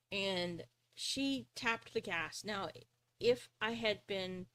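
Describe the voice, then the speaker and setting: A woman's voice: mid-range voice, fairly bright tone. A woman hosting a live stream, earnestly telling a personal story, often chuckling and restarting her sentences.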